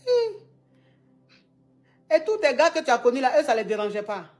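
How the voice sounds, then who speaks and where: A woman coaches a caller in an easygoing advice chat. She is animated and teasing, loops back over her own phrases, and drops street slang into her talk. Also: high voice, rapid-fire, soft background music. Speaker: advice show host, relationship coach.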